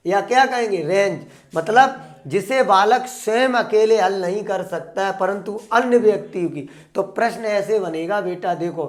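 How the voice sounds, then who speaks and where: A man teaching an online exam-prep class. He keeps asking his students questions, answers them himself, and calls them "beta". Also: high-pitched.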